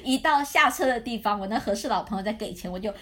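Yeah a young woman co-host just chatting, telling a story, laughs a lot, kinda high voice. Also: lively intonation, quick pace, sharp tone. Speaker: podcast co-host. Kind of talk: casual storytelling chat.

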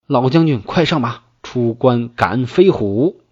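A man voicing a scheming, smooth-talking male officer with a persuasive, wheedling way of speaking. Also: medium pitch, expressive, a little slow, voice pushed up. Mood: earnest. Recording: dull, dry lo-fi recording.

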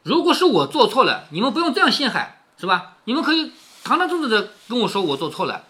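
A man's voice: very high-pitched, huge pitch swings, fast talker, bright, forceful tone. A man reading a classic novel aloud and commenting on it in a conversational way, often tossing in rhetorical tag questions.

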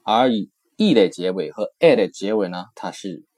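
Male language teacher, low-pitched, patient and repetitive, lecture-style textbook explanation. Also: animated, normal speed, a little mellow. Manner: patient, repeats phrases several times while explaining; mixes in English comparisons. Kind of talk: recorded textbook lesson explanation.

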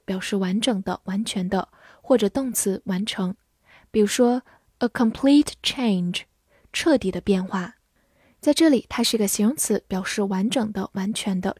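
A woman teaching English vocabulary, spelling words letter by letter and repeating example sentences slowly. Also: on the high side, darkish tone, dry recording, studio quality. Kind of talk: slow, clear vocabulary lesson.

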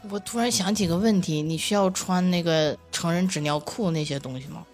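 A woman co-hosting a podcast, tossing in teasing, quick questions in casual chat. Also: on the low side, a little mellow, soft background music. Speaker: podcast co-host.

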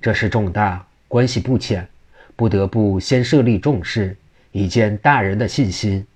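A man's voice: lowish voice, a little slow, a little mellow, husky. A man doing a pleading official's secretary. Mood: earnest. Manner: insistent, pleading. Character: cunning male secretary to an official.

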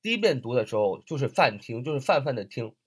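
A man teaching English listening tips in a casual online lesson, spelling words letter by letter and repeating them slowly, with frequent "uh" and "ah" fillers. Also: medium pitch, very animated, husky.

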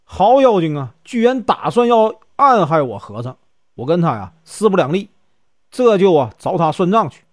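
A man's voice: sits high, very animated, moderate pace, no echo, studio quality. A man with a Northeastern Mandarin accent voicing a playful, fearless mad monk in a told story, teasing and scolding. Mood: scornful.

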